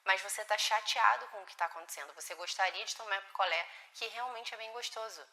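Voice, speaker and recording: A woman acting out a calm, patient mother who talks softly and gently to her young child. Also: medium pitch, quick pace. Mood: gentle, soothing. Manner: soft, gentle and hushed.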